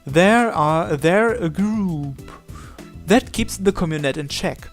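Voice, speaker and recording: Over background music, a man narrates a visual novel line by line in a fairly high voice, animated but taking it slowly. He occasionally trips over a word and says it again.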